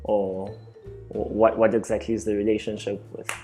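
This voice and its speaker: A man's voice: lowish voice, level tone, moderate pace, over music. A young man hosts a video call interview, asking eager questions broken up by fillers. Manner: eager, with many fillers and backchannels. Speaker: host, interviewer. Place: small room indoors. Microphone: webcam on a video call.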